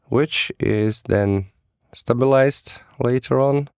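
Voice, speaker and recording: A man who says he is still sick, giving a casual, halting product review of a flashlight. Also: mid-range voice, darkish tone, clear, resonant tone, dry recording, studio quality. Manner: hesitant, halting, non-native phrasing. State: sick, rough voice.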